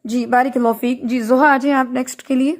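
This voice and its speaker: A woman's voice: sits high, level tone. A woman teaching Quran recitation online, patiently correcting students and chanting verses to show how they should sound.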